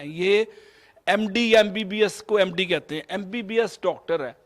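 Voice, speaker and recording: A man in his fifties from Pakistan with a Pakistani Urdu accent, telling a personal story in a motivational lecture and slipping English phrases into his Urdu. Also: high voice. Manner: mixes English phrases into Urdu, shifts between loud and soft. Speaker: motivational speaker.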